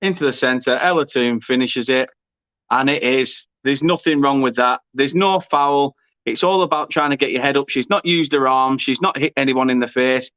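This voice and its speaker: Chatting through a live football match he's watching along with, this host has a mid-range voice at normal speed. He gets excitable and yells when goals happen, all captured in a dull, dry, lo-fi recording.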